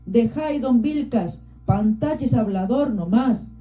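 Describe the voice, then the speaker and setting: Woman doing a village guy begging everyone to calm down, higher pitch. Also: takes it slowly. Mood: pleading. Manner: pleading, soothing. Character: pleading male villager, peacemaker. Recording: roomy, dull lo-fi.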